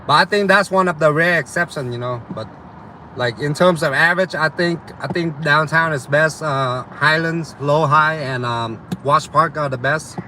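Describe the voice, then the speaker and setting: A young delivery driver with a slight Vietnamese accent streams to live viewers, reading their comments and rambling loosely about delivery driving with plenty of ums and uhs. His voice is fairly high, bright and forceful at normal speed. The low-quality recording carries a little hiss or hum.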